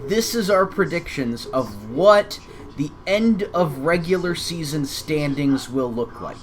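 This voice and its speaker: A man's voice: on the high side, expressive, a little slow. Rambling man on a gaming stream. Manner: rambling, filler-heavy. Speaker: co-host. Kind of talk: casual stream chat.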